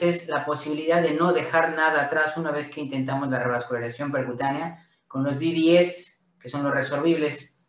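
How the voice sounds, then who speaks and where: A man's voice: fairly high pitch, fairly bright tone, recorded from a distance. A middle-aged man with a Mexican accent, giving a webinar presentation with many fillers. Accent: Mexican Spanish. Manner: explanatory, with frequent fillers. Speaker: guest speaker. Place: home office, video call. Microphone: laptop mic on video call. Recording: echoey room, off-mic.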